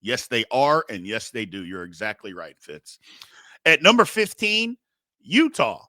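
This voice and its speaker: A man's voice: medium pitch, sing-song, a little slow, bright, forceful tone, dry recording, clean studio sound. A middle-aged man hosting a sports show, giving blunt, emphatic, casual opinions and repeating his phrases for effect.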